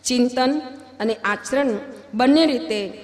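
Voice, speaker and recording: A woman's voice: fairly high pitch, slow pace. A woman officiating a wedding at a religious gathering, reciting vows and preaching with emphatic, swelling delivery. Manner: emphatic, swelling louder on key points. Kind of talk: ceremonial vow recitation and preaching. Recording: long hall reverb, faint music.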